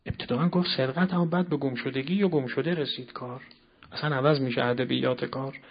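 A man preaching a scripture sermon, reciting verses slowly and then explaining them in a conversational way, moving between soft asides and loud, emphatic passages. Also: medium pitch, fairly even intonation, vocal fry, husky, dull audio. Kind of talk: Quran exegesis sermon.

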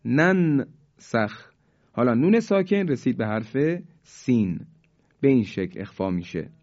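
A man teaching tajweed. He explains each rule quickly, then recites the examples slowly and drawn out. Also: mid-range voice, big pitch swings, warm tone. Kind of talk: tajweed lesson. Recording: dull lo-fi recording.

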